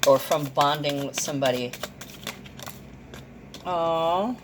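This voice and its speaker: Speaking low and taking her time, this tarot and astrology reader rambles casually through a card reading, correcting herself as she thinks out loud. Her words come out slightly off because of a dental issue, and there's noise in the background.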